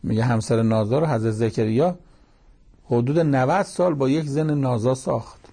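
A man's voice: mid-range voice, dark tone, breathy edge. A man giving a religious lecture, explaining verses in a plain conversational teaching manner with quoted asides. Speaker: cleric.

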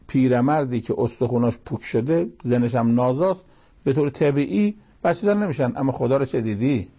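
A man's voice: mid-range voice, creaky, warm tone. A man giving a religious lecture, explaining verses in a plain conversational teaching manner with quoted asides. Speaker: cleric.

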